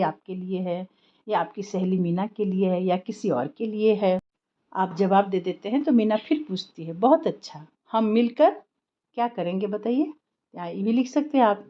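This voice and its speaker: A woman teaching a children's lesson, speaking patiently and explaining step by step with questions to her pupils. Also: mid-range voice. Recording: slightly dull lo-fi recording.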